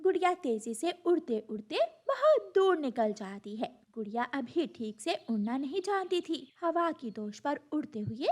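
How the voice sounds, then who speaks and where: Fields: Role: woman narrating a children's cartoon. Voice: high, lively. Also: normal speed, few pauses.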